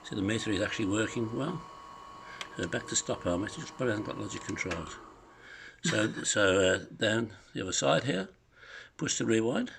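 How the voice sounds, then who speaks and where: Holding a phone behind the camera, a private seller gives an offhand, hesitant, unscripted demonstration of an item in the living room of his home apartment. He speaks at a moderate pace in a fairly bright, creaky, lowish voice with lively intonation, and a faint hiss or hum sits under the recording.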